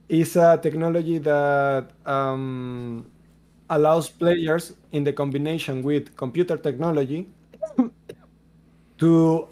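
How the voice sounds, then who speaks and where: Spanish-accented man explaining, smooth voice. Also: on the high side, a little mellow. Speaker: game developer answering questions. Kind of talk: casual voice-chat Q&A.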